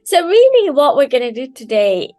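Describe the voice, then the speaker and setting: A woman's voice: high-pitched, big pitch swings, moderate pace, darkish tone. A woman in her fifties from Kenya, a mindset coach giving an upbeat, chatty online seminar over a video call. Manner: upbeat, chatty, loose phrasing.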